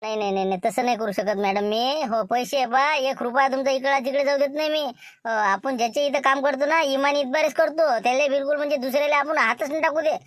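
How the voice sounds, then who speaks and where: Sly Varhadi servant on a secret scheme, man plays him; bright edge, close dry mic. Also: extremely high pitch, steady tone, fast, no echo. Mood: boastful. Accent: Varhadi Marathi. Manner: wheedling, sprinkles talk with "ho" and "ba". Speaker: comedy sketch actor. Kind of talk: village comedy sketch acting.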